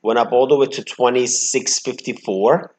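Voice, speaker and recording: Guy hosting a trading channel, talking over his trades live, cocky and pushy, mid-pitch voice. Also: steady tone, normal speed. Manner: brash, emphatic, swings between loud and muttered asides. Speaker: stock trading channel host.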